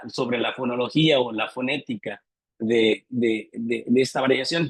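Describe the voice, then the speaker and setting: A man's voice: medium pitch, slightly rough, no room sound, rough recording. A man giving an academic lecture, hesitant, repeating words and often checking in with his listeners.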